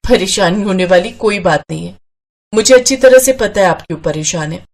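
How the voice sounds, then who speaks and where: Brief: woman voicing a calm, kind young bride, soothing tone, storybook. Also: mid-range voice, brisk, a little hiss or hum, close to an everyday voice. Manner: soft, reasonable, soothing. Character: gentle young newlywed wife. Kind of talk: storybook character voice.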